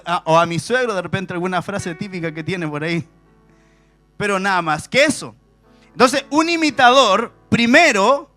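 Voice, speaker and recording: High bright-voiced Chilean pastor preaching. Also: male voice. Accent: Chilean Spanish. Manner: emphatic preaching with rhetorical questions to the congregation. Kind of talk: sermon. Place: church stage before a congregation.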